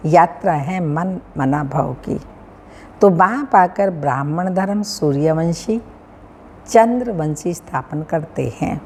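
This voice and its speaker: A woman with a North Indian Hindi accent reading a daily spiritual discourse as a teacher, in a measured, sing-song recitation with pauses and frequent throat-clearing. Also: fairly low pitch, a little mellow. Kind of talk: slow devotional reading of scripture. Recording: long hall reverb, faint room hum.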